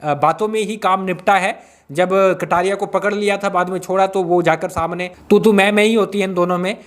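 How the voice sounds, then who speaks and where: एक आदमी जो रियलिटी शो की ताज़ा खबरें जोश और नाटकीय अंदाज़ में सुनाता है।. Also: male voice, high-pitched. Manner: dramatic, hypes up the news and re-enacts quarrels. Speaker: YouTuber giving reality show updates. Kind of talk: excited gossip recap.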